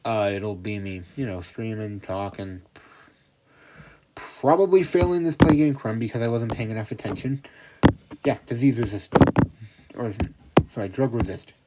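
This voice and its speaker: A young man rambles casually to himself on a livestream, poking fun at himself in a lowish, animated voice. He talks at a normal speed but pauses often, and loud background noise runs under the recording.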